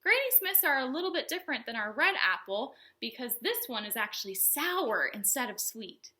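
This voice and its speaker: A children's librarian hosts storytime for young kids, teaching in simple words with an animated, sing-song delivery and questions for her small viewers. Her voice is a little high and her speed is normal.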